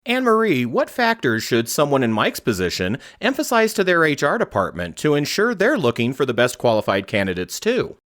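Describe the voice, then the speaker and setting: Male podcast moderator, animated and inquisitive, mid pitch. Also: brisk, hardly any pauses. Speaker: podcast host.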